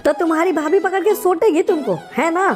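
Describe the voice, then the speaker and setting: A man voicing a cocky, rough-talking young male friend in a game story video. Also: extremely high pitch, a little fast, voice pushed up. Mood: teasing. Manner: teasing, slangy, swaggering.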